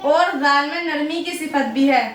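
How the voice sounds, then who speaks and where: A high-pitched woman teaches Arabic letter sounds in a patient lesson. She stretches out slow example pronunciations between explanations. Her voice sounds set back from the mic in a roomy, echoing space. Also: fairly bright tone, recorded from a distance. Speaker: Quran recitation teacher.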